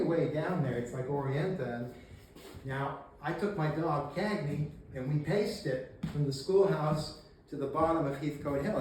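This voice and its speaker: A man giving a casual local history talk to an audience, telling the story with energy and acting out shouted lines and laughing along the way. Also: mid-range voice. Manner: animated storyteller, acts out shouted quotes, laughs often. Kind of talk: casual public lecture. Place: meeting room with audience. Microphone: distant camera. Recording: echoey room, faint noise, mic far off.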